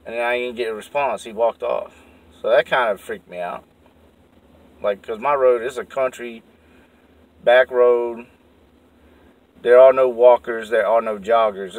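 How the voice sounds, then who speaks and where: A man's voice: medium pitch, distant mic, poor audio. Profane rambling man telling a story. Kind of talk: casual storytelling.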